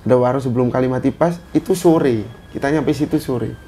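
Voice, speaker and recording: A man's voice: medium pitch, brisk, dark tone, slight background noise. A man from Indonesia telling a story in a casual chat, in short bursts of phrases. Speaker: guest storyteller.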